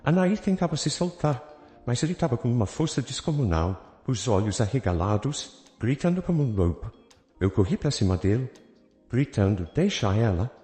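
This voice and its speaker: A man narrates a gripping family drama with emotive, theatrical delivery. His voice is dark and mellow, swinging widely in pitch. It sounds roomy with a long reverb, soft music underneath. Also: big pitch swings, normal speed. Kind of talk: dramatic first-person story narration. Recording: echoey reverberant room with faint music.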